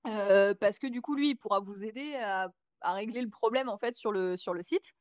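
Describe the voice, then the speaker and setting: A young woman from France, appearing as a podcast guest, tells a long anecdote in chatty, casual storytelling, full of fillers and restarts. Her voice is medium in pitch and she speaks at a normal speed.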